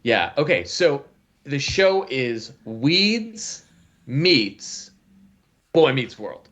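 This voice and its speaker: Stammering man with lively pitch. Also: drawn-out words. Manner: hesitant, stammering restarts. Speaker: co-host of comedy call-in show. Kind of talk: improvised comedy talk.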